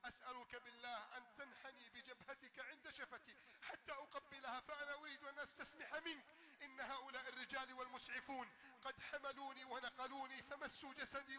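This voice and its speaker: A man preaching a sermon and voicing a dying, pious woman who pleads insistently. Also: very high-pitched. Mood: tender pleading.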